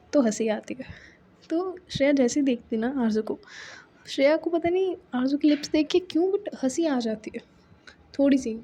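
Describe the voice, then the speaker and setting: A woman's voice: on the high side, dark tone. A young woman telling a love story in a chatty, casual way, mixing Hindi and English with many asides. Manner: chatty, full of fillers and asides.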